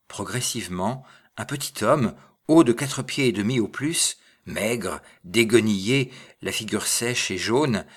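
A man narrating a story aloud in a measured, expressive reading. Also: fairly low pitch. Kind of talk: audiobook reading.

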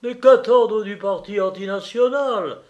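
A man voicing a blustering, flattering old retired army colonel in a read-aloud novel, talking loud and emphatic. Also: sits high, measured pace, lo-fi sound.

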